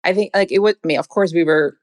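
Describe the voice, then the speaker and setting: Chatting as a podcast guest, a young Swedish woman warmly reflects on her family, using many "like" fillers. She talks quickly in a lowish voice. The clean studio recording has no room sound.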